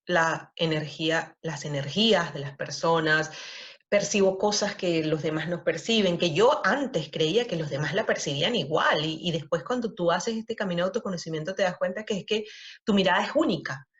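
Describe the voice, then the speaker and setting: A woman podcast host with a Latin American Spanish accent, talking in an expressive, emphatic way. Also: fairly low pitch, moderate pace. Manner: expressive, emphatic, lingers on words. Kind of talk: conversational interview. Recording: slightly dull lo-fi audio.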